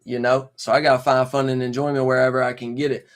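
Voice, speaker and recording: A man's voice: mid-range voice, little pitch movement, quick pace, heavy background noise. Rambling young man in his twenties. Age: 20s. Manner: rambling, slangy, full of fillers and "you know what I'm saying". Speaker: live streamer. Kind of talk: casual live-stream chat.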